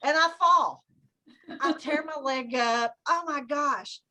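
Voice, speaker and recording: A woman telling funny stories in casual chat on a video call, animated and laughing often, acting out her own thoughts in a high voice. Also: slow.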